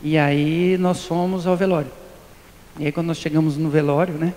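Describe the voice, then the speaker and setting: A man's voice: a little high, level tone, normal speed, darkish tone. A man giving a Spiritist lecture, telling humorous anecdotes and acting out the dialogues. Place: lecture hall. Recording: reverberant hall with faint hiss.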